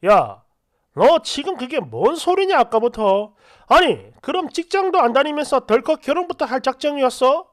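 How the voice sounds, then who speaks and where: A woman's voice: mid-range voice, huge pitch swings, slow pace, a little mellow, slightly rough, dry recording, studio quality, voice pushed down, exaggerated voice. A woman voicing an exasperated young man who scolds his girlfriend in a blunt, incredulous way.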